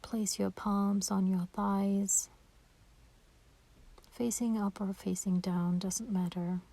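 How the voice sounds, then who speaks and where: This woman's meditation guidance comes in a soft, breathy, mid-range voice whose warm, dark, relaxed tone has no sharp edges. She speaks gently and slowly, soothing the listener and leaving room between her phrases.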